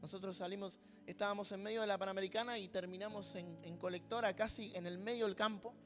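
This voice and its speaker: A man's voice: high voice, fairly even intonation, quick pace, faint music behind. A man preaching a sermon with a Rioplatense accent, mixing a personal story with humorous asides and acting out voices. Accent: Rioplatense Spanish. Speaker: pastor.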